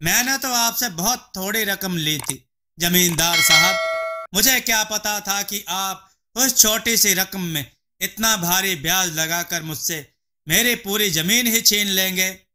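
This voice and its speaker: A man's voice: sits high, unhurried, bright, forceful tone, slight background noise, exaggerated voice. A man voicing a poor, humble farmer who pleads with a landlord to keep his small plot. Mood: pleading.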